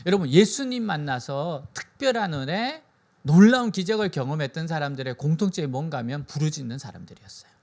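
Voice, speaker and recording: Lively high-voiced male pastor preaching. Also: a little fast. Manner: animated preaching, frequent rhetorical questions to listeners. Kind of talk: sermon.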